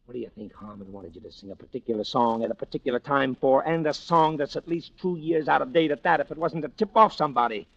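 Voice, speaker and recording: A sardonic american tough guy in an old radio drama, creaky voice, urgent and slangy, dull vintage recording. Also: mid-range voice, quick pace, few pauses, no echo. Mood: urgent, angry.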